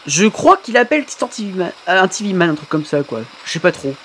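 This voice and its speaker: A man giving casual, excitable reaction commentary on videos, exclaiming often. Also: high-pitched, fast talker, slight background noise. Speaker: YouTube reactor.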